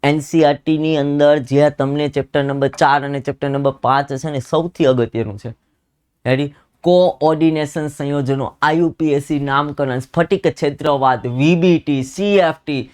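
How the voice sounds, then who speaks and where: A young man with a Gujarati accent giving an energetic exam-prep chemistry lecture, exhorting and scolding students and repeating phrases for emphasis. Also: medium pitch, normal speed, clear, resonant tone. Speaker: chemistry teacher.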